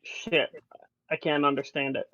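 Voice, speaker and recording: A tabletop game player with a medium-pitched voice. This player is blunt and stubborn, and refuses to budge. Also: fairly even intonation, unhurried, a bit bright, muffled recording.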